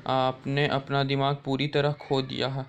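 A man's voice: mid-range voice, completely flat delivery, a little slow, lo-fi sound, a little hiss or hum, natural voice. A man reading the lines of a nosy, bossy aunt in his own voice, with no acting. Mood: scolding.

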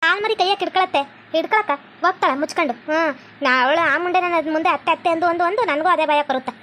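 A woman's voice: very high-pitched, a bit bright, slight background noise. A woman with a North Karnataka Kannada accent voicing a bossy, scolding middle-aged mother-in-law in a cartoon comedy. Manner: scolding, rapid-fire bossy.

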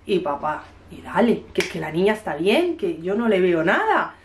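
In her home kitchen, a Spanish mother in her thirties vlogs casually to camera, telling a chatty story and acting out the dialogue in a Spain Spanish accent. Her voice is lowish and very animated at a moderate pace, with a cough from a cold and a little hiss or hum in the background.

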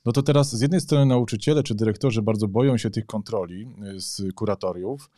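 A man's voice: on the low side, quick pace, warm tone, dry recording, clean studio sound. A man co-hosting a podcast who asks questions and searches for words, with many fillers. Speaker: podcast co-host. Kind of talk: conversational podcast discussion.

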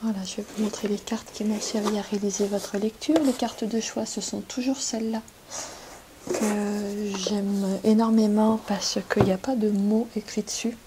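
A woman giving a tarot reading to her viewers, speaking gently and unhurriedly with many pauses. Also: mid-range voice, little pitch movement, background noise. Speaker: tarot card reader.

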